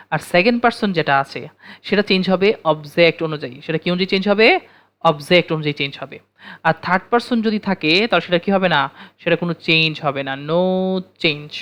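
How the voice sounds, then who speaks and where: Lesson teacher, mid pitch, patient drilling, poses questions and answers them. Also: a bit bright. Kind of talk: recorded grammar lesson.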